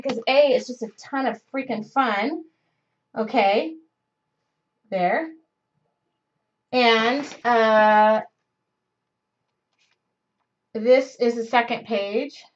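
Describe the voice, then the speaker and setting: A woman in her forties hosts a live craft demo from her home studio, her voice on the high side as she rambles and interrupts herself while working. The webcam in front of her yields dull lo-fi stream audio with a little hiss or hum.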